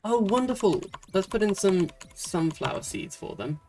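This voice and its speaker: A streamer from Britain giving casual commentary while playing a game, chatty and thinking out loud with many fillers and restarts. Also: medium pitch, animated, normal speed, vocal fry, a little hiss or hum.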